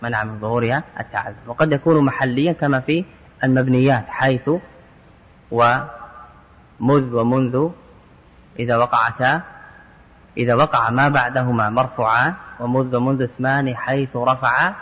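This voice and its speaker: A man teaching Arabic grammar, reading examples aloud and parsing each word in a steady, methodical way. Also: medium pitch, moderate pace, pauses often. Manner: methodical, quotes verse examples then parses each word. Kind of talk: explaining a grammar text line by line. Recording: dull lo-fi audio with long hall reverb.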